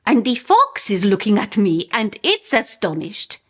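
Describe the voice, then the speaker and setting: Casting: actress as bemused female storyteller, Polish accent, comic monologue, unhurried and deliberate, medium pitch. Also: big pitch swings, a bit bright, breathy edge, full character voice. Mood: astonished. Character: bemused woman telling an absurd personal anecdote. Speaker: monologue performer.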